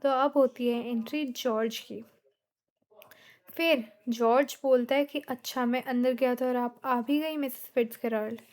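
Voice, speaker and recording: A woman teaches a class by walking through a play line by line. She quotes each character's lines in a plain, steady way rather than acting them out. Her voice sits fairly high. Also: unhurried.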